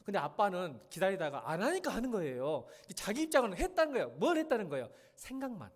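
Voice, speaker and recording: A man's voice: high voice, quick pace. A middle-aged pastor preaching a midweek sermon in a church. He has a slightly raised voice that rises and falls widely, and he keeps putting questions to the congregation and calling for their attention. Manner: animated, questions and addresses the congregation. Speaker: senior pastor.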